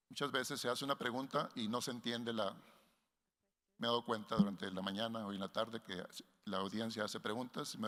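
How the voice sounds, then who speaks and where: A man giving a workshop lecture to researchers in a measured way, often restarting phrases and linking ideas with "entonces". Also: mid-range voice, a bit bright. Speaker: workshop instructor. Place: conference hall. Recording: long hall reverb.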